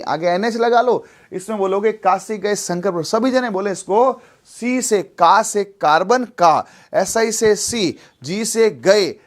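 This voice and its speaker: High-voiced chemistry teacher drilling. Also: male voice. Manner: repetitive, drilling, asks and answers his own questions. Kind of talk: classroom lecture with call-and-response drills.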